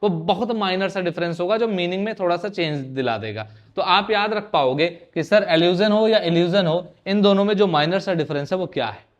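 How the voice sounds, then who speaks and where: A man with a high-pitched voice teaches an exam-prep class online. He keeps asking his students questions and answers them himself, drilling each point. He mixes words into his speech. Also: fairly quick, few pauses. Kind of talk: online lecture.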